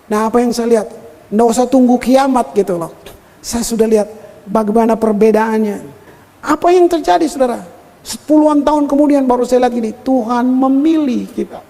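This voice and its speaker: An older male pastor preaching a sermon and telling stories from his own life in an animated way, often turning to the congregation. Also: very high voice, brisk. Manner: animated storyteller, often addresses the congregation as brothers and sisters. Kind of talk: sermon with personal storytelling. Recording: long hall reverb.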